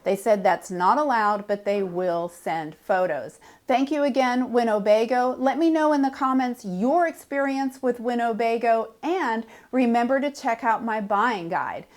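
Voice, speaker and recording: Woman vlogger giving an update, upbeat and matter of fact, kinda high voice. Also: unhurried, hardly any pauses. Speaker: host. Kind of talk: vlog presenting.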